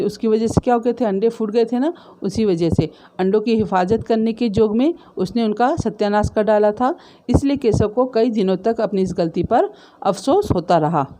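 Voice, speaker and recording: A woman teacher walks her class through a story, retelling each line in simpler words and checking in with little tag questions. Her voice is mellow and soft-edged, never sharp, and her pitch sits in an ordinary middle range. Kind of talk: explaining a story in a school lesson.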